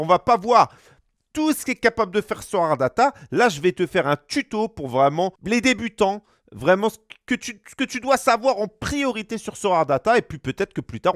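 Lively tutorial host, dry close mic. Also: male voice, sits high, no echo. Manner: chatty, lively, addresses viewer directly with many fillers. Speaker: YouTube host. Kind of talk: casual screen-share tutorial.

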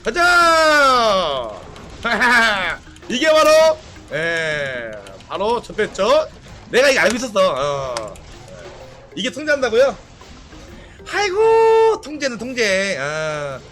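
A man streaming a game live, excitable and trash-talking, swearing and bursting into shouts during fights. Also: high voice, slow, soft background music. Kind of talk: live game-play commentary.

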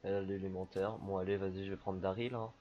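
A man with a low voice casually commentating his own card game as he plays. He rambles in an even, flat tone, dropping plenty of fillers between thoughts. The sound is a little dull and lo-fi. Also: fast. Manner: relaxed, rambling, many fillers. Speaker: streamer.

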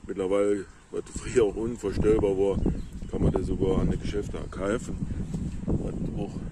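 A man with a Moselle Franconian dialect explaining plants on a casual nature walk outdoors in the countryside, in a halting, unhurried way. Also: deep voice, flat delivery, heavy background noise. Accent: Moselle Franconian dialect of the Saar-Moselle area. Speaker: local nature video maker.

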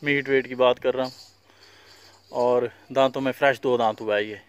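The audio is dull in this outdoor vlog from Pakistan, where a man who owns a cattle farm tours his dusty yard and shows animals he's selling. His medium-pitched, steady voice is clear and resonant at normal speed, pointing out every animal's features in a plain, repetitive way.

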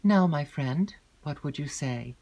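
A woman's voice: low-pitched, animated, a little slow, dark tone, dull audio, faint music behind. A woman voicing a frightened young noblewoman in an audiobook, speaking eagerly and urgently. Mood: pleading. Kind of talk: audiobook character reading.

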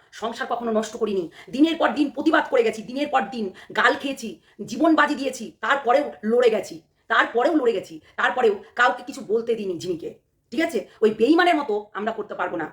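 A woman vlogger, talking to her viewers while hoarse from a cold. She speaks in a heated, emphatic way, repeats her phrases and keeps firing rhetorical questions. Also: fairly high pitch, fairly bright tone. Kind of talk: casual direct-to-camera commentary.

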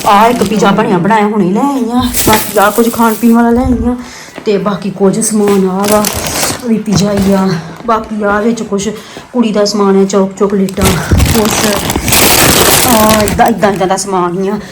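A woman's voice: medium pitch, fairly even intonation, moderate pace, very noisy. A woman with a Punjabi accent chatting casually for a home vlog, rambling in a plaintive, homely way as she talks to her viewers. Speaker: family vlogger and mother.

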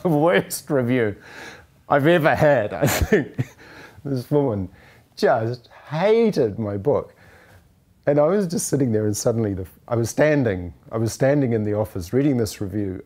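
Man, writer, casual anecdote, self-deprecating, husky, dark tone. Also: medium pitch. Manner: rambling, self-deprecating, many fillers.

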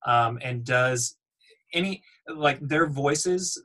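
A man in his thirties leads a webinar from home, speaking into a webcam at a middling pitch. His delivery is relaxed and explanatory, padded with ums and uhs as he thinks aloud. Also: takes it slowly, low-quality recording. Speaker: voiceover demo producer. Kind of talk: webinar teaching. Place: home room, indoors. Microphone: webcam on video call.

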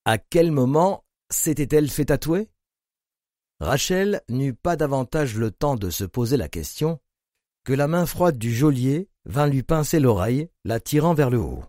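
A male narrator reads a grim novel in a grave, measured manner. His voice is warm and dark with an animated pitch line, recorded dry and close. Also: no room sound. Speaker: audiobook narrator. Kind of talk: scripted narration.

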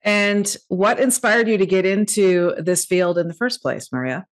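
On a video call from an indoor home or office space, a middle-aged woman leads a lively podcast interview through a desk microphone and headset. Her mid-range voice moves at a measured pace.

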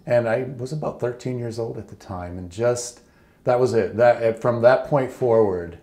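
A man's voice: medium pitch, moderate pace, warm tone. A man around sixty from Michigan, a guest talking openly and casually in an interview at his home. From Michigan, United States. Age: about 60. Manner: chatty, open, with casual fillers. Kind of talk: relaxed conversational interview. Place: living room at home, indoors. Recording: roomy indoor echo.

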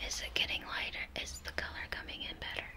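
A young adult woman does an ASMR role play, whispering close to the microphone in a small indoor room. Her breathy whisper is soothing and reassuring, though fast.

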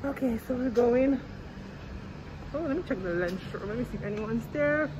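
A woman's voice: a little high, lively intonation, normal speed. Young woman, medical student vlogger, casual and chatty, phone mic, noisy surroundings. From Saint Lucia. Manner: chatty, upbeat, says "literally" and "like" often. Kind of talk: casual vlog chat. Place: stadium, kitchen, hospital hallway and lab. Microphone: phone camera at arm's length. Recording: phone vlog with clear background noise.

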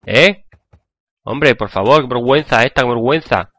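A man with a Spain Spanish accent, hoarse from a cold, chatting and joking with viewers while playing a game. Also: medium pitch, normal speed, a bit bright, dry recording. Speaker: gaming channel host. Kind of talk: gameplay commentary.

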